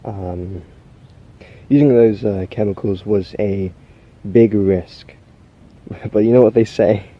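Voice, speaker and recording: A man playing an unhinged, socially awkward killer confessing to camera in halting, rambling speech, with trouble pronouncing his R's. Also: lowish voice, dull audio. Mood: halting, musing. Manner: halting, rambling, stammering, with odd chuckles.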